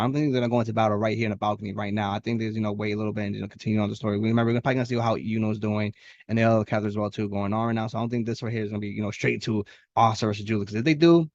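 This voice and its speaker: A man casually recapping an anime chapter as a channel host, chatty and full of fillers, now and then putting on excited voices for the characters. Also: fairly low pitch, dry recording, highs cut off. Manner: fast, chatty, filler-heavy retelling with playful voice impressions. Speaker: anime reviewer.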